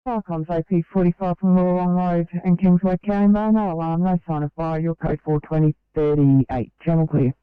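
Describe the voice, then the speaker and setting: A woman's voice: lowish voice, steady tone, fairly quick, hardly any pauses, clear, resonant tone, no room sound. A woman working as an emergency dispatcher, speaking in clipped radio procedure over a walkie-talkie. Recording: narrow, tinny two-way radio transmission.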